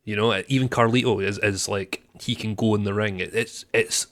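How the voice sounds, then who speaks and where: A man with a fairly low voice, talking casually on a podcast. He rambles and restarts his sentences, easing into each point as he goes. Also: steady tone, a little fast, a bit bright. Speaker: podcast co-host.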